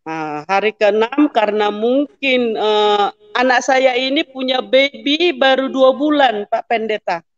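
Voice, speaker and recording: A woman's voice: fairly high pitch, measured pace, highs cut off. Grandmother telling an emotional faith testimony. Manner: acts out quoted dialogue, voice rising into pleading prayer. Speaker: guest giving a testimony to a pastor.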